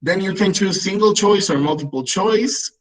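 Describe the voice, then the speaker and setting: This man, in his thirties and from Peru, speaks Spanish natively and is leading an English-teacher webinar by video call. He has a high voice and a moderate pace, explains as he goes, and keeps checking in with "right?" The recording is low quality.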